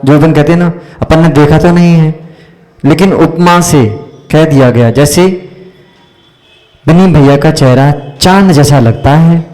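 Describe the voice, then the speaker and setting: A man's voice: on the high side, a little mellow, big-room sound, rough recording. A man, a Jain monk, giving a religious teaching discourse and quizzing his listeners with questions and frequent checks that they follow.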